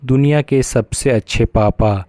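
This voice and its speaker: A man's voice: mid-range voice, measured pace, mellow, no echo, lightly acted. A man voicing a bold, blunt young woman who talks back, in a storybook reading. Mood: defiant. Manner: blunt and cheeky.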